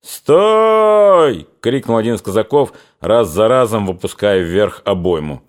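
A man with a fairly low voice reads literary prose aloud as an audiobook narrator. His delivery is measured and expressive.

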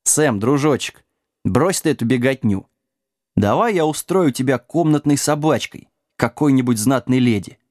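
A man doing a sarcastic gruff sorcerer. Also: medium pitch, animated, moderate pace, darkish tone, dry recording, clean studio sound, lightly acted. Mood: mocking. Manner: sarcastic, bossy. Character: gruff, mocking male sorcerer of middle age. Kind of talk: audiobook character voice.

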